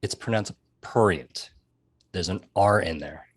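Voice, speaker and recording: A man's voice: on the low side, animated, normal speed. A man, the show's producer, cutting in to correct and scold the hosts pedantically. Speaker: show producer. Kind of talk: comedic correction segment.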